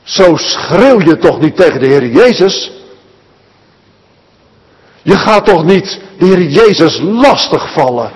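A male preacher tells a Bible story to children, speaking to them directly. His voice sits fairly high and swings widely in pitch, with a husky edge. A long hall reverb carries his words around the church. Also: very animated, takes it slowly, pauses often, lo-fi sound. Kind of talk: children's sermon.

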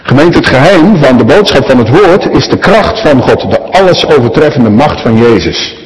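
A man's voice: medium pitch, animated, moderate pace. A male pastor preaching a sermon in a church, speaking conversationally and often asking the congregation questions. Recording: echoey church hall.

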